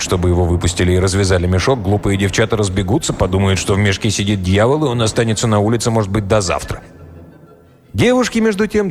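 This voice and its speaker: Expressive male audiobook narrator. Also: fairly low pitch. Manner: expressive storytelling. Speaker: audiobook reader. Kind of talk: scripted narration. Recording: roomy reverb, soft music behind.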